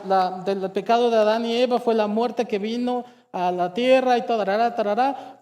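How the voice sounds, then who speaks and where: A man preaching a lively, humorous sermon, calling on the congregation to answer and repeat after him. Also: very high-pitched, big-room sound. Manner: call-and-response, asks the crowd to repeat; humorous storytelling with asides. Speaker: pastor. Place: church hall.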